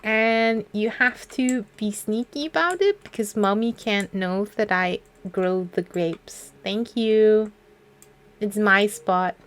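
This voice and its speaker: A woman's voice: mid-range voice, takes it slowly, a bit bright, clean tone. A woman voicing a childish grown-up letter writer in a petulant, babyish whine.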